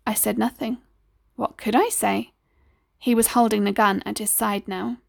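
A woman reading a first-person story aloud in a measured, deliberate way. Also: mid-range voice, steady tone, gravelly, no echo, clean studio sound. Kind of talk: scripted audiobook narration.

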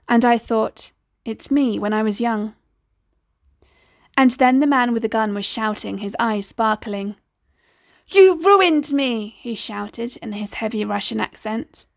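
Gravelly woman reading a story. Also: fairly high pitch, dry recording, clean studio sound. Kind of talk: scripted audiobook narration.

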